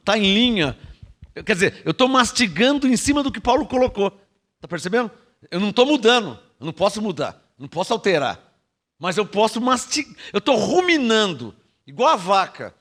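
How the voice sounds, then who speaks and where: Lively high-voiced Brazilian preacher man. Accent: Brazilian Portuguese. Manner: teaching, asks the congregation to repeat phrases; lively, frequent rhetorical questions and laughs. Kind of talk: sermon.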